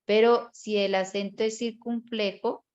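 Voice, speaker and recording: A woman's voice: medium pitch, level tone, measured pace, a little mellow, highs cut off. Woman teaching a class over a call. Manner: explains step by step, often checks with students. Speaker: Bible course teacher. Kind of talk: online class lecture.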